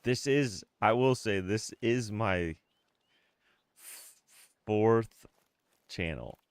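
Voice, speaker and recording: Speaking very slowly and expressively, this mid-thirties man has a lowish, clear, resonant voice, though he sounds congested and sniffles. He's casually chatting and narrating gameplay on a livestream, right up on a close streaming microphone with no room sound.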